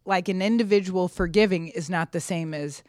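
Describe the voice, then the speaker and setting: A woman in a casual panel discussion speaks reflectively, pausing between short phrases. Her voice is slightly low and the sound is very dry. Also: a little mellow, no echo. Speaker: podcast panelist.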